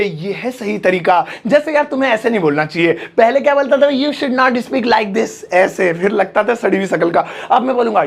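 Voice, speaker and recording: A man teaching English phrases in a playful, joking manner, drawling out the examples slowly. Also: high-pitched, vocal fry. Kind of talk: Hindi-language English lesson.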